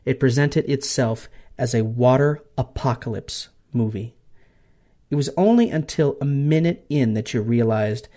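A man's voice: mid-range voice, dark tone. Dramatic male history podcast narrator. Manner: dramatic, emphatic, pausing phrases. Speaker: podcast host.

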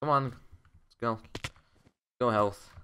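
Bright-voiced joking young man gamer. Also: medium pitch, takes it slowly, a little hiss or hum. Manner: joking, playful banter. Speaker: gaming channel co-host. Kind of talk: casual gameplay chat.

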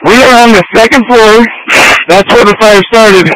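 A man's voice: high voice, moderate pace, a bit bright, dry recording, poor audio. A male firefighter giving status reports over a two-way radio.

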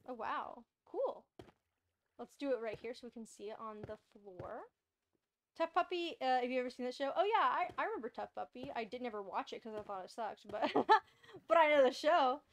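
A woman's voice: a little high, slight background noise. A young woman streaming a video game, chatting casually and rambling, with frequent laughs. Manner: bubbly, rambling, laughs often. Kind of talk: casual gameplay chat.

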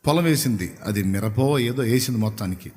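A man's voice: fairly low pitch, animated, fairly quick, a little mellow. A male preacher tells stories in a conversational sermon, often asking his listeners questions. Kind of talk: storytelling sermon. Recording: long hall reverb.

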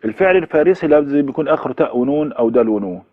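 This recorded university lecture features a man with an Egyptian Arabic accent whose slightly high voice races along with lively intonation. He lists examples one by one, repeating them with fillers, and the sound is dry and phone-like.

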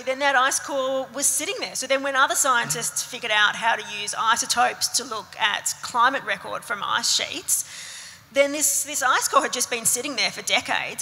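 Chatty woman, bright creaky voice. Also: high voice. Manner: chatty storytelling with fillers. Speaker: climate scientist panellist. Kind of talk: panel discussion answer. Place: stage of an event hall. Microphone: handheld mic. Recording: long reverb of a hall.

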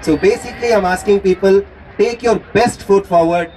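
A man's voice: high-pitched, fast talker, darkish tone. A man with a South Indian accent giving a playful speech on an outdoor stage, switching between languages. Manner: mixes English and Kannada. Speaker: costumed contestant, radio jockey. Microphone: stage mic heard from the audience. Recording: distant, noisy open-air stadium PA with crowd.

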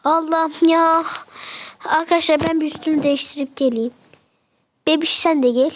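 A woman's voice: sits high, steady tone, normal speed, a little hiss or hum. A young woman chatting casually as she narrates a game, fretting and exclaiming as she goes. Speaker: game video creator.

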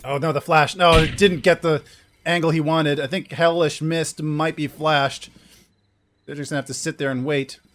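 Excitable man casting an esports match. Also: a little high, normal speed, slight background noise. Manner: excitable, bursts into laughter and loud exclamations. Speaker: esports caster. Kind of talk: esports play-by-play commentary.

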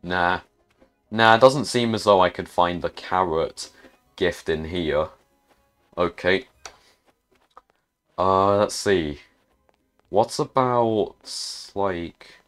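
A man's voice: sits low, expressive, drawn-out words, long pauses, a bit bright, soft background music. A man giving casual gameplay commentary as a gaming YouTuber, muttering hesitantly to himself with frequent restarts.

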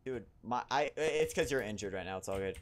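A man co-hosting a gaming let's play, joking around, excitable and prone to stammering. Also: medium pitch, brisk. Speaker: co-host. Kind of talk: casual gaming commentary.

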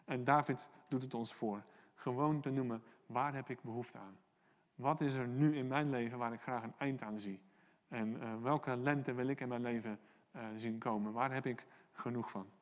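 A man preaching a sermon as pastor, earnest and encouraging, pausing often with "eh" and "ehm" and reading out prayers from the psalm. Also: mid-range voice, fairly even intonation, long reverb tail. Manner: earnest, encouraging, many hesitations and quoted prayers. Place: church hall.

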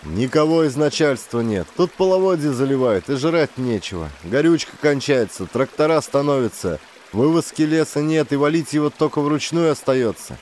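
A man's voice: a little high, expressive, moderate pace, hardly any pauses, a little mellow, a little hiss or hum, voice pushed up, natural voice. A man voicing an exasperated male logging foreman who grumbles and curses.

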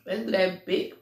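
A woman's voice: mid-range voice, far from the mic. A woman vlogger chatting casually while eating, laughing often and humming between bites. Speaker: mukbang vlogger. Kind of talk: casual eating vlog chat. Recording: echoey room, voice a bit off-mic.

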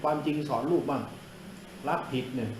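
A man's voice: mid-range voice, fairly quick, reverberant, background noise. An older man, a monk giving a blunt, informal sermon, coarse and scolding, who laughs at his own jokes.

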